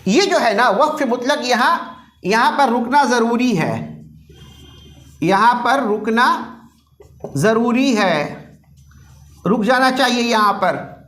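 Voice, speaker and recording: A man's voice: very high voice, animated, slow, pauses often, a bit bright. Give me a man teaching a recitation class in a roomy space. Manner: repeats each point and quizzes the class. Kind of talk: classroom lecture. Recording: roomy echo.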